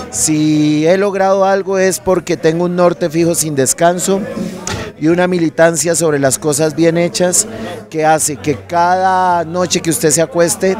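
A middle-aged man from Colombia chats playfully and tells stories, laughing often. He speaks a little high into a handheld mic on an outdoor patio, with clear music playing behind him. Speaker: merengue singer, interview guest. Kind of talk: casual interview. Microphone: handheld mic held by interviewer.

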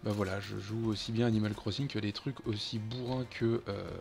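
Low-voiced French man streaming a game. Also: steady tone, fairly quick, gravelly. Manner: chatty, swears when frustrated. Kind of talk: casual gaming chat.

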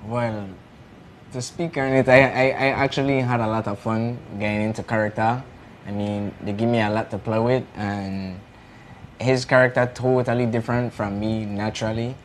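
Relaxed low-voiced actor from Saint Croix. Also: male voice, moderate pace, slight background noise. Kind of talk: talk show interview.

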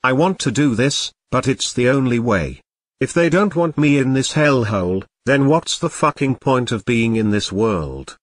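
A man's voice: mid-range voice, lively intonation, moderate pace, dry recording, clean studio sound, lightly acted. A synthetic male voice playing a bullied schoolboy son in an amateur cartoon, talking in a stilted, foul-mouthed way. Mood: bitter despair.

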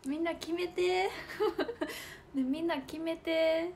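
A woman's voice: very high voice, steady tone, takes it slowly, a little mellow, a little hiss or hum. A young woman with a Kansai accent, chatting casually on a livestream and giggling as she thinks aloud while writing. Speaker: idol livestream host.

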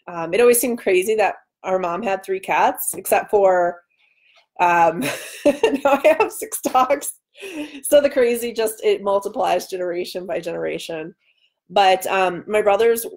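A woman in her thirties with a mid-range, darkish voice hosts a livestream as an author. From a small room at home, she chats casually and playfully into a webcam held at arm's length.

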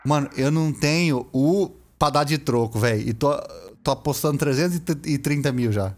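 A young man with a Brazilian accent giving casual, excitable gameplay commentary, full of slang, shouting and laughing at the game. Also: mid-range voice, moderate pace. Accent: Brazilian Portuguese. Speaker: gameplay streamer.

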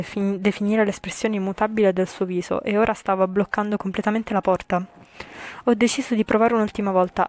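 Woman streamer reading a visual novel out loud, lots of slips and fixes, chatty comments in between. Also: medium pitch. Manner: reads with frequent slips and self-corrections; chatty asides with English swearing. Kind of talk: reading a game aloud with casual commentary.

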